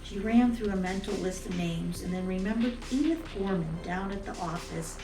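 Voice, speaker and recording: A woman with a soft, velvety voice narrating a scripted dark short story. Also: mid-range voice, moderate pace. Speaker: storyteller reading own stories. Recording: roomy, distant, music behind.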